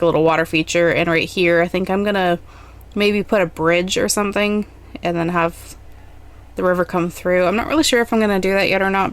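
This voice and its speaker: A young adult woman giving relaxed, rambling gameplay commentary, thinking aloud as she plans. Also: lowish voice, smooth. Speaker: gaming channel host.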